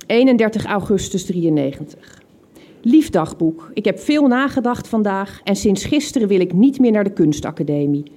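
A woman with a soft, mellow voice reads aloud from the diary she kept as a teenager. Her reading is reflective and unhurried, and amused little laughs slip out at her younger self's words. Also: mid-range voice, animated.

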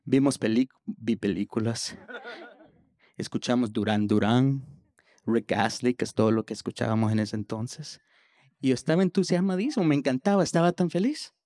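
A man telling a personal story on stage in a lively way, often stumbling over repeated words as he restarts. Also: mid-range voice, moderate pace, no echo, studio quality. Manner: animated, with stammered restarts.

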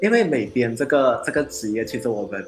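A man speaks as a podcast guest in Malaysian-accented Mandarin, hesitant and soft-spoken, full of fillers and quick agreement. His voice sits at a middling pitch. It rings in a roomy echo with clear music underneath. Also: sing-song. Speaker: graphic designer guest. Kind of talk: casual podcast interview.

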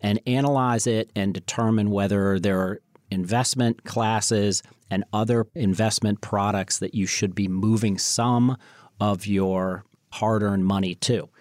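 A man's voice: lowish voice, a little mellow, no room sound. Man giving emphatic financial advice, dry sound. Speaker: financial radio show host. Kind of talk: unscripted advisory sales talk.

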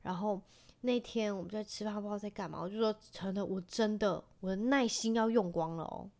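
A woman's voice: mid-range voice, fairly quick, a little mellow. A woman in her thirties with a Taiwanese Mandarin accent, chatting casually and rambling with many fillers as a podcast host. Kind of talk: casual solo chat.

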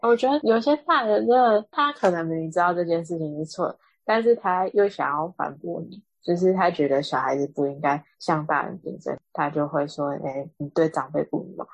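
A young woman co-hosts a casual podcast and reacts supportively to her friend's story. Her voice is low, husky and breathy, recorded dry and close. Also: brisk, dry recording, poor audio. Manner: supportive listener, brief reactions. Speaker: podcast co-host. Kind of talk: casual chat.

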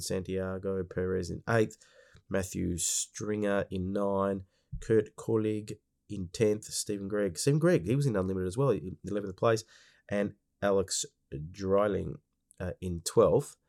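Australian man with a low, congested voice. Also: a little mellow. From Melbourne, Australia. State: congested with a cold. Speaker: podcast host. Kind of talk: casual podcast monologue.

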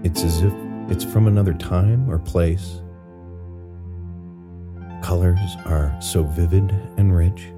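A man narrating a guided relaxation in a slow, soothing sleep-story manner. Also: low-pitched. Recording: loud new-age guitar music bed. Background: new-age guitar music.

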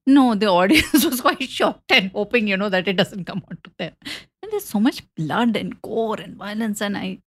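Laughing woman, animated retelling. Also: medium pitch, moderate pace, few pauses. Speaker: co-host. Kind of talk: casual chat about films.

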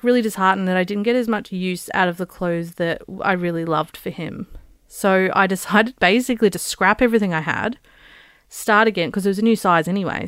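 A woman's voice: medium pitch, clear, resonant tone, no echo, studio quality. An Australian woman giving upbeat, practical lifestyle advice in a chatty, encouraging way, like a tidy advice vlogger. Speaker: podcast host giving guest advice.

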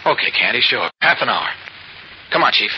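A man playing a steady newspaper reporter in a 1940s radio drama, speaking briskly. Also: medium pitch, very noisy, close to an everyday voice. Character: calm adult male newspaper reporter. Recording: dull lo-fi old radio recording.

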